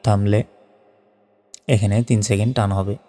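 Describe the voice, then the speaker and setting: A man teaching Quran reading, who spells out Arabic letter by letter and slowly chants the verses, patient and methodical. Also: lowish voice, flat delivery, mellow, in a large hall, soft background music.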